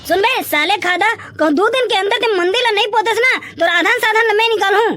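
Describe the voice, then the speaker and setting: A woman with a very high-pitched voice bosses people around in rowdy, scolding banter. It comes from a comic skit, and a noisy recording hisses behind her. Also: fairly quick, pushed and bright.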